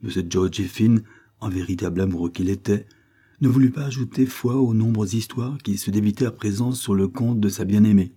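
Casting: male storybook reader, dark mellow tone, low, steady. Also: brisk, breathy edge. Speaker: audiobook narrator. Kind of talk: scripted narration.

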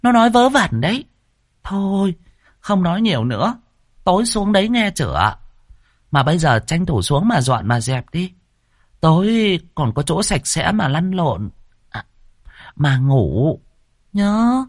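Man plays a shrill, swooping lady of the house, coy but commanding, in a dry audiobook read. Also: big pitch swings, no room sound, exaggerated voice. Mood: bossy. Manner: coy and bossy, drawn-out. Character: scheming lustful middle-aged mistress.

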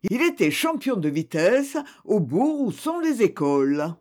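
Slow, expressive storybook narrator. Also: mid-range voice. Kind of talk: scripted narration of a children's story.

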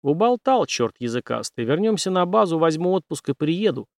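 A man reading an audiobook, voicing a gruff, weary aging male general who grumbles in a measured way. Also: a little high, big pitch swings, no room sound, clean studio sound, pitched above the performer's own voice.

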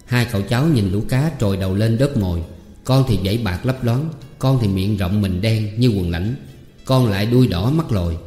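A man's voice: fairly low pitch, moderate pace. Man narrating a story in an echoey room. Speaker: audiobook narrator. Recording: echoey room, long reverb, soft music.

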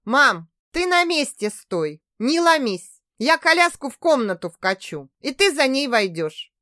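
A carefree, excited young woman in a storybook reading, put on by the female narrator. She talks loudly in a high, lively voice, bubbling over. The recording is dry and close. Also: unhurried, no echo, heavily acted. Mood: playful. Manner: loud and bubbly. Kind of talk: audiobook character voice.

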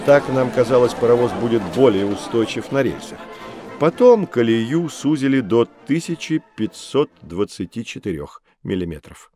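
A middle-aged man with a medium-pitched voice close to an everyday speaking tone plays a history expert addressing children in a scripted educational audiobook, speaking over music. He's recorded on a studio microphone, explaining things calmly, patiently, and in a measured way.

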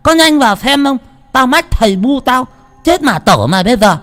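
A man voicing a spiteful, foul-mouthed young servant girl in a ghost story, with a shrill, snarling delivery. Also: very animated, normal speed, a little mellow. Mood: furious.

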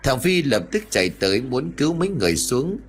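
A man narrating a ghost story audiobook in an expressive, dramatic way. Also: medium pitch, brisk, slight background noise.

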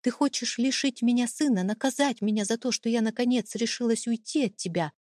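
A woman's voice: fairly high pitch, a little fast, a little mellow, no echo, clean studio sound, voice pushed up, natural voice. A woman reading an audiobook, voicing a frightened but defiant young mother who pleads and refuses. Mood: desperate defiance.

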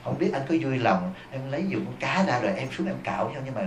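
A man voicing a wife who sweetly coaxes her husband into doing chores, speaking softly and wheedling. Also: medium pitch, lively intonation, quick pace, a little hiss or hum, voice pushed down, close to an everyday voice. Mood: coaxing. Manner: soft, wheedling, coaxing. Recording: echoey hall.

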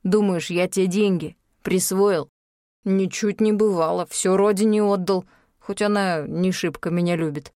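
A woman's voice: lowish voice, steady tone, a little slow, mellow, no room sound, clean studio sound, natural voice. A woman voicing a cheeky, fibbing man who talks in folksy slang and wheedles and pities himself. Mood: defensive. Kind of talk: audiobook character voice.

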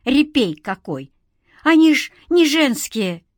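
A woman's voice: sits high, very animated, slow pace, no room sound, studio quality, pitched above the performer's own voice, heavily acted. A woman voicing a good-natured, joking young man in an audiobook, in her own voice. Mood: exasperated. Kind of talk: audiobook character voice.

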